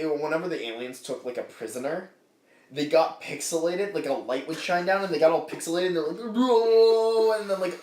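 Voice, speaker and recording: A young man co-hosting a casual comedy podcast, animated and swearing, acting out quotes in silly voices. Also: fairly high pitch. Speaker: podcast co-host. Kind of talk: casual comedic movie review chat. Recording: echoey room.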